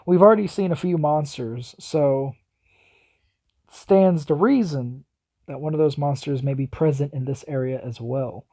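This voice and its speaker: A man's voice: fairly high pitch, moderate pace, dark tone. A man hosting a reaction video, talking casually and musing aloud as he speculates.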